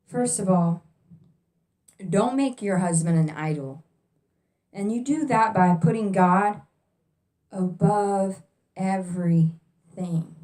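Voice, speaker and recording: A woman's voice: mid-range voice, mellow. A young woman vlogging faith advice to single viewers, casual and direct, repeating her key points.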